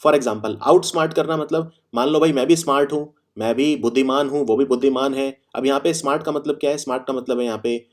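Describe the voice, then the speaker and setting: A man teaches vocabulary in a Hindi lesson. His voice sits at a middle pitch, and he leans on everyday examples and repeated phrases. He slows down and stresses each word when he reads sentences. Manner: reads English example sentences slowly and deliberately.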